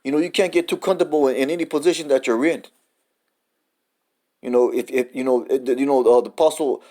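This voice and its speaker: A man's voice: mid-range voice, warm tone. A man preaching an informal sermon, cursing and stumbling over repeated words, often ending lines with "man" as he reads scripture and definitions. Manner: profane, repetitive, says "man" often.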